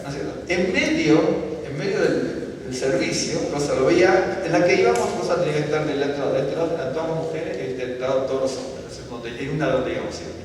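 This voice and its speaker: A man giving a teaching at a congregation, rambling and conversational, with many fillers and rhetorical questions. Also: sits high. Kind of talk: sermon. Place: large echoey hall. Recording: very echoey hall, voice from far off, faint background hum.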